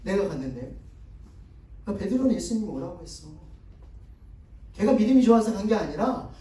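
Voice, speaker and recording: High-voiced pastor in an echoey hall. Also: male voice, expressive, brisk, warm tone. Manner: conversational, prompting the congregation to repeat and answer. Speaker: guest pastor. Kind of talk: sermon seminar. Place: church sanctuary. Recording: echoey church hall from far off.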